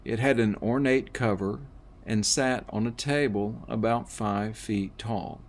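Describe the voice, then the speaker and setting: A man narrates a first-person book in a slightly low voice. He reads very slowly and deliberately, with the occasional slip and restart. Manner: slow, measured reading with small slips and restarts. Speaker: audiobook reader.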